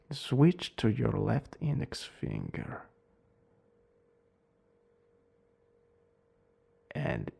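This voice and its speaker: Man playing a gravelly Italian-accented plague doctor. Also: fairly low pitch, darkish tone, exaggerated voice. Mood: calm, instructing. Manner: formal, clinical, deliberate. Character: cold, eerily polite male plague doctor. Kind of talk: doctor role-play.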